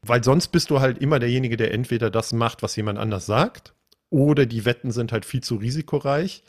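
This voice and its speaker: A man hosting a podcast interview, talking in long reflective sentences. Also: on the low side. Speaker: podcast host.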